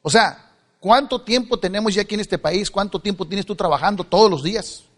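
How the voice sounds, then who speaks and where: High bright-voiced man joking. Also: brisk. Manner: animated, joking, laughing. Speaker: speaker giving a testimony. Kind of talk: humorous storytelling to a live audience. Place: stage before an audience.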